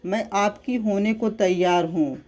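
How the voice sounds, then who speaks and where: Narrator voicing a young wife, emotional and demanding, slow and mellow, storybook read. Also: medium pitch, lightly acted. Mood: pleading.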